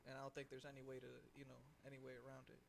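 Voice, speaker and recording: A man's voice: mid-range voice, completely flat delivery, very fast, gravelly. A young man from California co-hosting a casual podcast, slangy and swearing often, calling his friend "bro". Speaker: podcast co-host. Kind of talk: casual chat.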